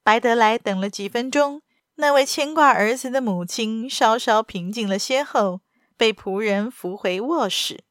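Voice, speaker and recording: A woman narrating a novel aloud as a storyteller in a steady, even manner. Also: on the high side, unhurried, no room sound, studio quality.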